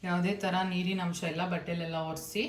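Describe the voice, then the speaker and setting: A woman's voice: on the low side, level tone, fairly quick. A woman with a Kannada accent giving plain, practical step-by-step cooking instructions in her home kitchen. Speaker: home cook demonstrating. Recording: echoey kitchen with cooking noise.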